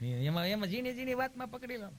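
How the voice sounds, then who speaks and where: High-voiced rustic storyteller man. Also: quick pace. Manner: rustic, animated storyteller who acts out voices. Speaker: stand-up comedian. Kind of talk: folk storytelling comedy.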